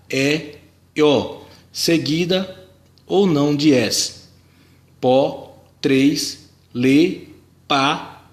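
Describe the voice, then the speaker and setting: Slow, careful man teaching grammar. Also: on the high side, a bit bright. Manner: slow, careful, spells out words and syllables. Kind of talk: scripted narration of a grammar lesson.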